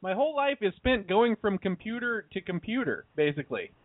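This internet radio co-host has a high, sing-song voice and speaks fairly quickly, swapping crude, blunt banter with his partner. The recording is dry, and his voice cuts in and out on a glitchy, staticky Skype line that sounds tinny.

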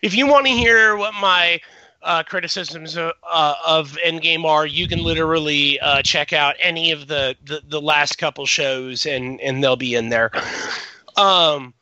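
A man hosts a casual podcast chat, rambling and often restarting sentences and repeating words. His voice is on the high side, unhurried and sharp-toned. There's no echo, but the high frequencies are cut off.

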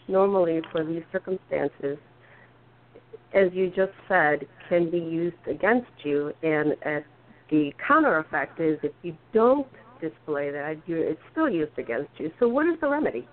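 A woman from Michigan calling in to a radio show over a phone line, earnestly asking a question. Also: on the low side. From Michigan, USA. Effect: caller heard over a phone line. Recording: tinny phone line, faint hiss.

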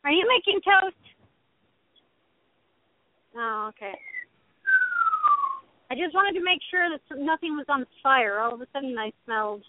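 A woman's voice: sits high, animated, unhurried, pauses often, dry recording. A woman in her thirties, co-hosting a casual chat, talking in a rambling way with restarts. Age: 30s. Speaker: podcast co-host. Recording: tinny phone-like line.

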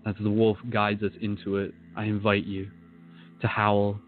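A man leads a guided meditation, his voice pitched low and his delivery slow and soothing as he talks straight to the listener. The sound is thin and phone-like. Soft music plays faintly behind him. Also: completely flat delivery. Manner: slow, soothing, second-person guidance.

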